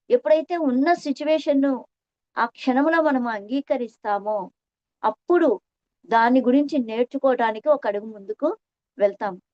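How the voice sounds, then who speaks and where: A woman's voice: sits high, no echo. A middle-aged woman sharing her meditation experience in an earnest, reflective spiritual talk, repeating phrases for emphasis. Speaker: meditation testimony speaker. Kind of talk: spiritual talk addressing listeners. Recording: dull dry lo-fi recording.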